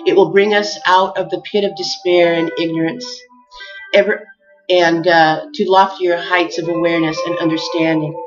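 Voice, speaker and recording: A woman giving an earnest, heartfelt spiritual message, measured and addressing her listeners warmly as beloveds. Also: lowish voice. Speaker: spiritual speaker. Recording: dull lo-fi recording with faint music.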